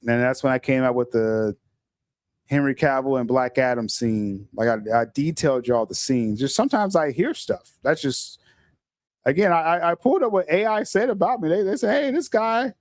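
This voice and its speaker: Hosting a relaxed podcast livestream, this middle-aged man talks with energy at a moderate pace, frequently laughing and stumbling on repeated words. The pitch is medium, and the sound is studio quality with no echo.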